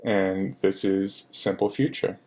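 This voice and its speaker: Man, low-pitched, slow, French grammar lesson, repeats examples. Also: level tone, a little mellow. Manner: unhurried, many fillers, repeats French examples. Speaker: French teacher.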